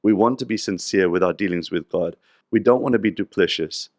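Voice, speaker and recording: A man with a fairly low voice, speaking as a podcast guest in an earnest, gently explanatory tone. He reflects on faith at an unhurried storytelling pace. The sound is dry and close. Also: no echo.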